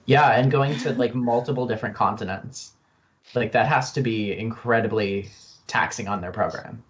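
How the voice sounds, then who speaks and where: A man's voice: medium pitch, moderate pace, a little hiss or hum. A man on a robotics panel, reading a short summary and chatting earnestly. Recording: dull lo-fi sound.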